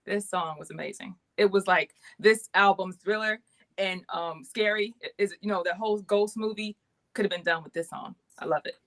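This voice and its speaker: Bright-voiced enthusiastic woman. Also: medium pitch, normal speed. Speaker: podcast co-host. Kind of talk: casual music review chat.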